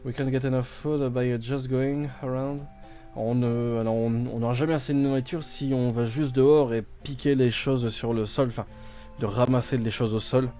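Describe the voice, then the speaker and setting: Mellow-voiced man streaming a game. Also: mid-range voice, steady tone, moderate pace, faint music behind. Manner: thinks aloud, hesitant, many fillers and restarts; reads game text aloud and translates it. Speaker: gaming streamer. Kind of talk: casual let's-play commentary.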